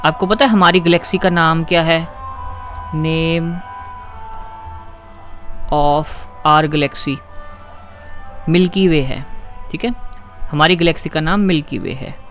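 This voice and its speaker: A man teaching English grammar, patiently explaining exercises, asking questions and reading example sentences slowly. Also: a little high, a bit bright, faint music behind. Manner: patient, asks questions and keeps checking with "ठीक है?".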